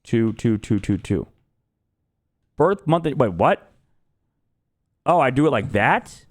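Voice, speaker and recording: A man streaming live, reacting out loud and swearing freely as he thinks aloud. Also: mid-range voice, big pitch swings, slow. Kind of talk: casual live-stream commentary.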